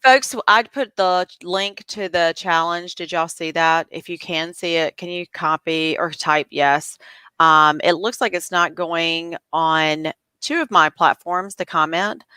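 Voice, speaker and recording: Woman, livestream host, crisp bright tone, casual chatty, cough drop in mouth. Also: fairly low pitch, measured pace, no echo. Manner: chatty, troubleshooting aloud. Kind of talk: casual live interview.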